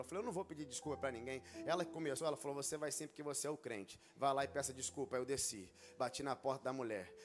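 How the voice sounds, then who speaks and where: A man preaching a sermon as pastor, telling a personal story and rising into loud, fervent exhortation. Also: medium pitch.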